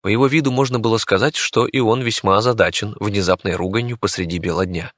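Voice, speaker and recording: A man reads a fantasy audiobook in a lowish, steady voice. His narration is even and unhurried, and the recording is close and dry. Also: dry recording.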